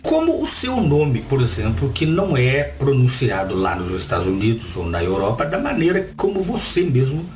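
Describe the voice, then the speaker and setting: A Brazilian-accented man reads a passage aloud, then breaks off to explain it in his own words. His pitch swings widely and he keeps asking the listener questions. The voice sounds roomy and echoey, with a faint hiss underneath. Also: moderate pace, few pauses. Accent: Brazilian Portuguese. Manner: lively, asks the listener rhetorical questions. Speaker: Bible reader and teacher. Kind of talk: reading a text aloud with added commentary. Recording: roomy echo with faint background noise.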